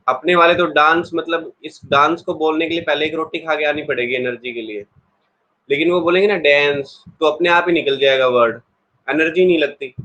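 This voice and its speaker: Male teacher, live online class, chatty examples, bright sharp tone, muffled sound. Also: a little high. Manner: chatty, explains with everyday examples, addresses students directly. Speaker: English teacher.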